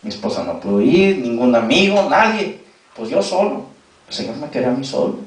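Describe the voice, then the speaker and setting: A man's voice: medium pitch, sing-song, brisk. A man with a Mexican accent preaching a sermon as pastor, telling a personal story and shifting his voice sharply for emphasis. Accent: Mexican Spanish. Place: church hall. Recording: very echoey church hall, distant mic.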